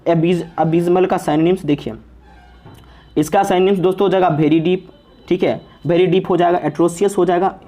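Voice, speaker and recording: A man's voice: high-pitched, steady tone, normal speed, dark tone. A young man teaching English vocabulary in a casual, chatty online lesson, joking and saying "okay" after nearly every phrase. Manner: chatty, repeats "okay" constantly, jokes and teases.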